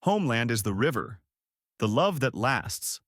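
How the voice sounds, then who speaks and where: A man's voice: mid-range voice, sing-song, unhurried, fairly bright tone, no room sound. Guy reading a story out, dramatic, voice swings all over, dry close sound. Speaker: narrator. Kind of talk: scripted story narration.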